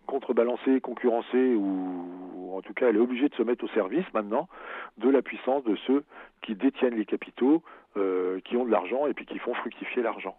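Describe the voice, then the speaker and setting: A man speaks as a guest author on the radio, pausing on fillers and then pressing hard on his main points. His voice is husky. The sound is dry and narrow like a phone line. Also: mid-range voice, no room sound. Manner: hesitant, many fillers, emphatic. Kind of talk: radio interview.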